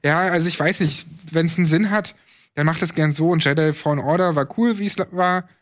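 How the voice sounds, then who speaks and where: Male co-host of a casual gaming chat, animated, rambling, slightly high voice. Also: a little fast. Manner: animated, rambling, many fillers. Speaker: podcast co-host.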